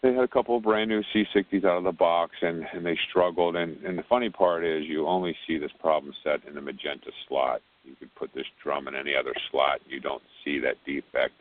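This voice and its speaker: A man's voice: extremely low pitch, fairly even intonation, brisk, hardly any pauses. A man heard over the phone, leading a casual technical briefing and rambling with repeated words on a tinny phone line. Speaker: technical support lead on a conference call.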